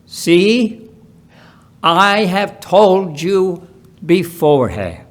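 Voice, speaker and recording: This church Bible reading comes from a man whose voice is notably high and sing-song. He moves very slowly and solemnly, separating phrases with pauses and emphasizing them deliberately.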